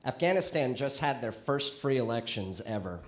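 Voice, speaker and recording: A man's voice: medium pitch, expressive, normal speed. A male stand-up comedian performing a conversational set with crude punchlines on a comedy club stage, into a handheld mic.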